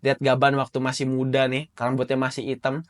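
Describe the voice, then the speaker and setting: A young man casually reviewing a comic chapter, animated and slangy, with exasperated asides. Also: mid-range voice, brisk. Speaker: comic recap host.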